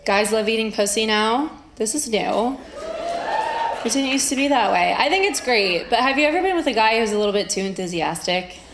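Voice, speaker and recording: A woman performing stand-up comedy into a stage microphone, with dry, conversational joking and drawn-out punchlines, to audience laughter. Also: on the high side, animated. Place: live comedy venue. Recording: roomy live stage sound with crowd noise.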